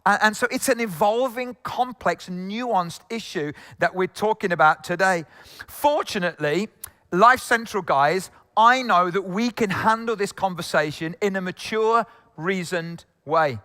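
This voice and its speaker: A man's voice: sits high, measured pace, sharp tone. A middle-aged man preaching a sermon as pastor, chatty and jokey, with many fillers. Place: church hall. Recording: long hall reverb.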